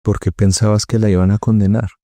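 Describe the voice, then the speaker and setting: A man interviews a guest with short, gentle questions. His voice is low and dark and stays level, and the sound is dry and close. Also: little pitch movement, a little fast, no echo.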